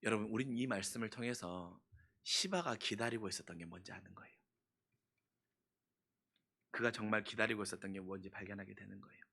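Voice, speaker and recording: A male pastor preaching a sermon earnestly, stressing points with slow, repeated phrases. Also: on the low side, vocal fry, pushed and bright, breathy edge.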